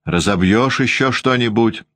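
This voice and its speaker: A man's voice: medium pitch, measured pace, a bit bright, pitched above the performer's own voice, lightly acted. A man voicing a spiteful, scolding middle-aged housekeeper who hisses sarcastically at a child in a storybook reading. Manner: hissing, sarcastic.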